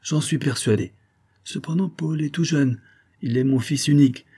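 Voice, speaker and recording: A man's voice: on the high side, normal speed, mellow, slightly rough, voice pushed up. A man reading the part of a scheming, aging viscount in a suave, coaxing manner. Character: scheming aging male viscount, smooth and cunning.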